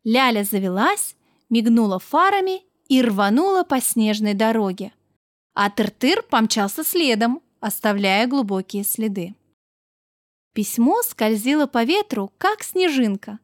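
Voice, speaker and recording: A woman narrating a children's story in a warm, gentle storytelling voice with expressive lifts. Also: on the high side, measured pace, no echo, studio quality.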